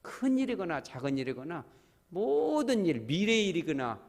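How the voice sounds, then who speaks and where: A male pastor delivers a Sunday sermon with a middle-pitched voice whose melody rises and falls a great deal. He turns to the congregation again and again and slips into little acted-out dialogues. His voice trails off in the long reverb of a church hall. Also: normal speed. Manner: animated, acts out little quoted dialogues; calls on the congregation directly.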